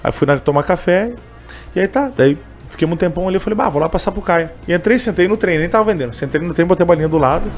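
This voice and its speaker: Fast-talking man. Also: high voice, expressive, faint music behind. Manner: emotional, fast storytelling with many fillers. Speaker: interviewee, candy seller who sings on trains. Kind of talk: casual storytelling.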